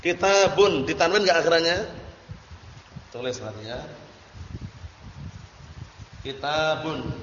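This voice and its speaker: A man whose voice sits a little high, with a fairly bright tone, runs an Arabic grammar lesson. He drills the class informally, repeating his questions and often confirming they understand. Muffled audio, hall echo, and background noise are present.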